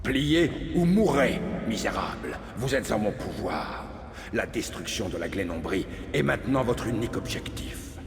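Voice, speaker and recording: Creaky, imperious necromancer villain. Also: male voice, fairly low pitch, expressive, moderate pace, faint music behind. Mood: imperious command. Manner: imperious, declamatory. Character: commanding male necromancer villain, cruel and imperious. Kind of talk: dramatic video game acting. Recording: noisy, echoing long reverb.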